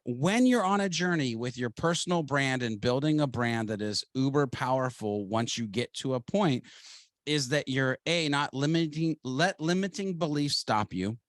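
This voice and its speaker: A man from Ohio, a podcast guest, telling his story in an animated, fast-moving way. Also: fairly high pitch, no echo. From Ohio, United States. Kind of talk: interview storytelling.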